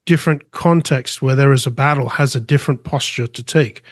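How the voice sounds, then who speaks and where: A middle-aged English artist who grew up in Spain answers interview questions as a guest, speaking earnestly but haltingly and frequently restarting his sentences. His voice is medium-pitched, and the recording is dry, clean studio sound.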